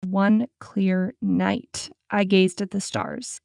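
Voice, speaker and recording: A woman in her twenties voicing a young female dreamer who tells her own story, speaking slowly and clearly and saying each sentence twice. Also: mid-range voice, flat delivery, a little mellow, dry recording, clean studio sound. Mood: calm. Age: 20s. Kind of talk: scripted story for repeat-after practice.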